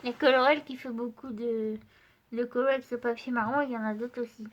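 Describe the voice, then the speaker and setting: With a steady tone and quick pace, her slightly high voice comes through on dull audio. She runs an art channel and, congested from a cold, chats casually with viewers, talking to them directly about craft supplies and paper tests with many fillers.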